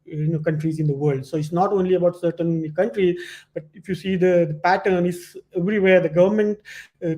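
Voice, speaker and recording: Male presenter, moderately high pitch, informal explanatory slide talk with hesitant, repetitive phrasing. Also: dark tone. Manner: hesitant, halting phrasing with frequent repetition and "you know".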